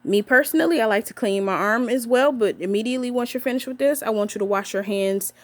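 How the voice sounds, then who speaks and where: A woman's voice: on the high side, quick pace. A woman working as a nurse, giving an upbeat health lesson to camera and checking in with viewers as she goes. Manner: upbeat, addresses viewers as guys, checks in with okay.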